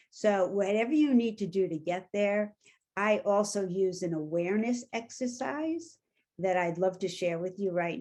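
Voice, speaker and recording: A woman with a New York accent, coaching in a gentle, measured and inviting way as she leads an instructional session. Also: lowish voice. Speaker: coach leading a training session. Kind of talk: instructional talk and guided awareness exercise. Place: online video call.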